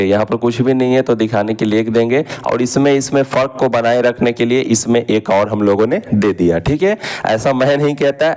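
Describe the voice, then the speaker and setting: A man's voice: mid-range voice, a little mellow. Patient man teaching vowel signs. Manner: patient, repeats "ठीक है" and "दोस्तों" often; slows down to stress vowel signs. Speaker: Hindi teacher. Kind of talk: explaining while writing on a board.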